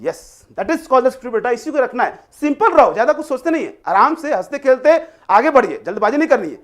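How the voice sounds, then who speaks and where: A man's voice: extremely high pitch, big pitch swings, fairly quick, a bit bright. A man teaching a live online class, coaxing and repetitive, freely mixing English phrases into his explanations. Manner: coaxing, repetitive, mixes English phrases, calls students "beta". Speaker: online tutor.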